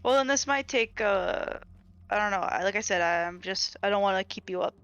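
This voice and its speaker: A woman's voice: medium pitch, normal speed, a bit bright, muffled recording. A woman streaming a game, chatting casually, swearing freely and telling stories. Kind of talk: casual gaming stream chat.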